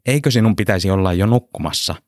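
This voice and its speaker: A gentle male storybook character who speaks quickly and apologetically, as a man reading the story puts him on. His voice sits low and deep, recorded close and dry with no room sound. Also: no echo, lightly acted. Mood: sleepy.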